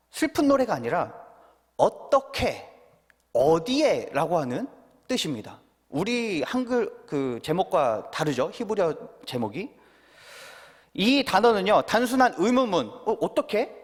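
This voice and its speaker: A man's voice: sits high, sing-song, measured pace. A young man preaching as a pastor at a prayer meeting, talking with the congregation through questions and playing out children's answers. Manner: asks the congregation questions, acts out children's replies. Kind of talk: sermon at a Wednesday prayer meeting. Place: church sanctuary. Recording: reverberant church hall.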